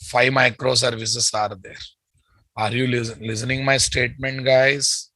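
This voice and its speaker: A male software instructor speaks English with a Telugu Indian accent in a bright, forceful voice. He lectures at a slow pace, repeating phrases as if dictating notes and often putting questions to his listeners. The sound is close and dry. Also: medium pitch, flat delivery, no echo.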